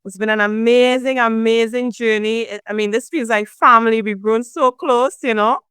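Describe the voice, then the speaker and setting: A woman hosting a program, effusive and warm, thanking family and sponsors. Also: a little high, fairly even intonation, moderate pace, smooth, no echo. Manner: warm, effusive, repeats "amazing". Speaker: foundation founder hosting a program. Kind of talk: welcoming host remarks.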